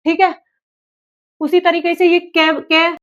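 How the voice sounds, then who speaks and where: A woman with a very high-pitched, level voice speaks slowly in dull-sounding audio while teaching an exam-prep class. She drills repetitively, posing a question, answering it herself, and repeating the answer back.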